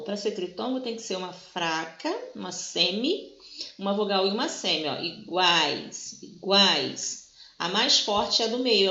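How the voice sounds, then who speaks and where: A woman's voice: mid-range voice, vocal fry, sharp tone. A woman teacher, patiently walking students through a grammar lesson and often checking they follow. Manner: patient, explanatory, keeps checking in with "tá?". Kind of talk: recorded grammar lesson walkthrough. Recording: echoey room, dull lo-fi sound.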